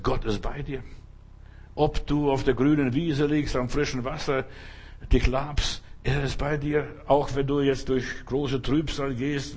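Man, preacher, husky voice, mid pitch, fervent sermon delivery, repetitive.

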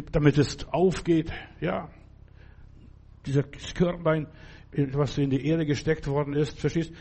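A man's voice: a little high, mellow, breathy edge. A man preaching a sermon in a fervent, exhorting way, speaking directly to the listener.

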